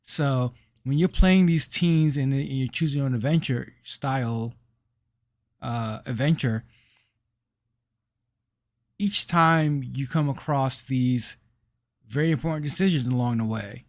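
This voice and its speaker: A man's voice: mid-range voice, dry recording, studio quality. A man co-hosting a gaming podcast, chatting casually and searching for words as he reviews a game. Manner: slow, halting, searching for words.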